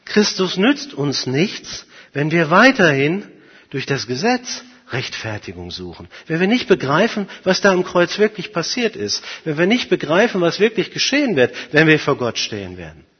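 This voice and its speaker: A man preaching a sermon, emphatic, swinging from soft, quiet passages to loud ones. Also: on the high side, wildly swooping pitch, moderate pace, husky. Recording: dull sound, long hall reverb.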